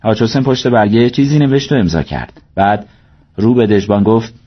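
This audiobook story is narrated by a man whose pitch sits fairly low. He reads in an even, measured way, captured in a dull lo-fi recording.

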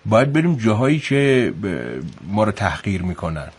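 A husky man speaks in a lowish voice and answers with absurd deadpan jokes. He plays along in quick banter with the host. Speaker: comedy guest. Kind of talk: comic banter.

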